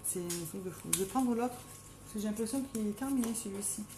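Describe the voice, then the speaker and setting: A middle-aged woman with a Marseille accent, doing her makeup live at home and chatting casually with viewers by name, self-mocking, with a strong, deep voice. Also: a little fast, background noise. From Marseille, France. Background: dogs playing now and then.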